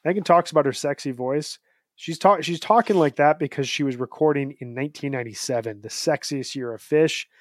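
A man's voice: fairly high pitch, a little fast, dry recording, clean studio sound. A man in his thirties co-hosting a podcast, chatting in an upbeat, rambling, jokey way. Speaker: podcast co-host. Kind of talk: casual podcast chat.

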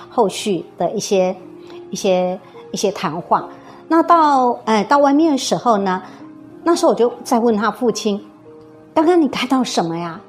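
A woman with a Taiwanese Mandarin accent, a music teacher, telling an eerie story in a lively, suspenseful way with many fillers. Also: medium pitch. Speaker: guzheng teacher recounting a story. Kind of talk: casual storytelling.

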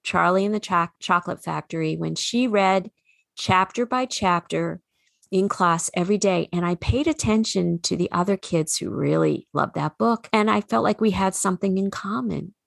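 Woman author, New England accent, gravelly, dry close sound, earnest. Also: lowish voice, moderate pace, no room sound. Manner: earnest, reflective, with frequent restarts. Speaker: children's book author and speaker. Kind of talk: conversational interview.

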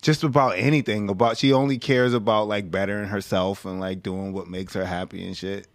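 A man in his thirties hosting a casual podcast chat, loose and profane, quick to get excited. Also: lowish voice, no room sound. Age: 30s. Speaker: podcast host.

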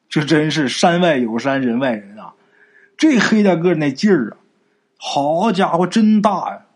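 A man narrating a folk ghost story in a colloquial, animated way with drawn-out particles. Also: a little high, slightly rough.

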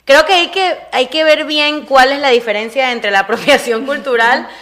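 A woman's voice: sits high, moderate pace, fairly bright tone. A woman co-hosting a podcast, explaining her views in casual chat. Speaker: podcast co-host.

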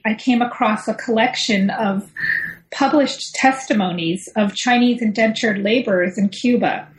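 American woman professor, hesitant, echoey. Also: fairly high pitch. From United States. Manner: hesitant, with frequent ums. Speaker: historian, professor, guest. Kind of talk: academic interview answers.

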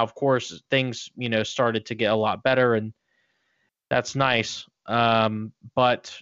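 A man with a clear, smooth voice and medium pitch chats casually about sports as a podcast co-host. The sound is dry and slightly dull. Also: a bit bright, no room sound.

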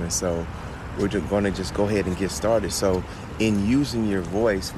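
A man with a low, deep voice speaks as a guest podcast host. His delivery is conversational and a little hesitant, with clear outdoor traffic noise behind him. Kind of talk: conversational, faith-based podcast talk.

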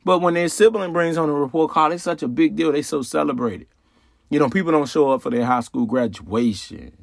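A man with a fairly high, fairly quick voice and some vocal fry hosts an astrology talk, explaining casually while repeating phrases and asking rhetorical questions. There's no room sound, and the quality is studio-grade.

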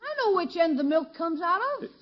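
A woman's voice: very high-pitched, animated, a little fast. A woman playing a brash, impatient American schoolboy in a slangy, complaining way in an old radio comedy. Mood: indignant. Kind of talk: 1950s radio comedy acting. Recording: muffled old radio recording.

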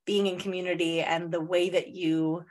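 A podcast host in her thirties chats casually in a slightly low, level voice. She uses lots of "like" fillers and talks in quick bursts.

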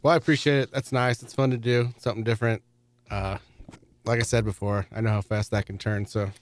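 A man's voice: lowish voice, flat delivery, fairly quick. A man co-hosting a talk show, answering in short, modest replies during casual chat. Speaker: show co-host.

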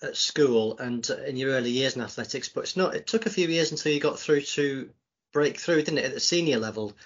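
A man working as an interviewer, asking casual questions in a halting way as he feels toward his point. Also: medium pitch, lo-fi sound.

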